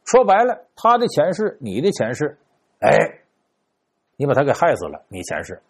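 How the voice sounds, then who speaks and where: A man's voice: fairly high pitch, huge pitch swings, moderate pace, husky, full character voice. A man voicing a shrewd street fortune teller, coaxing and conspiratorial in a traditional spoken storytelling. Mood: hushed ominous. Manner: coaxing, conspiratorial, hushed warnings.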